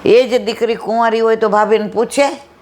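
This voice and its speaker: A woman's voice: fairly high pitch, fairly even intonation, normal speed, a little mellow, a little hiss or hum. Woman giving a storytelling devotional talk. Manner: storytelling, acting out dialogue, rhetorical questions. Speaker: satsang speaker. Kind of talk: devotional discourse with anecdotes.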